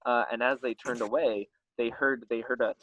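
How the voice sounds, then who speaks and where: A man's voice: mid-range voice, fairly even intonation, normal speed, fairly bright tone, low-quality recording. A man telling an improvised comic story, rambling and giggly, full of fillers.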